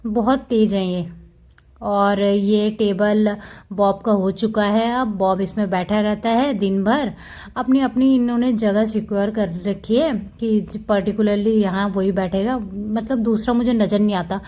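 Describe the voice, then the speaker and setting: Mellow-voiced woman chatting about her cats. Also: mid-range voice, fairly even intonation, measured pace. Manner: chatty, fond, explains with "dekho" asides. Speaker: cat vlogger.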